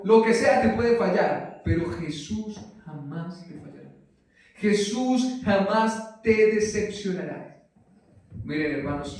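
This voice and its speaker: Animated preacher in an echoey hall. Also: male voice, sits high. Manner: animated, rising to loud exclamations and dropping to soft asides; questions the congregation often. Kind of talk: sermon. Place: church hall. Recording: echoey hall, mic at a distance.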